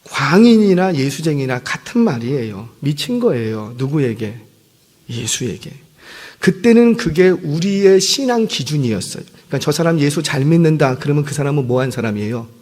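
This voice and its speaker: A man in his fifties with a husky, slightly breathy voice delivers an evening sermon in a church sanctuary. His pitch rises and falls widely as he tells stories, and the sound carries a long hall reverb. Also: moderate pace. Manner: conversational, animated storytelling with self-deprecating apologies. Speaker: senior pastor.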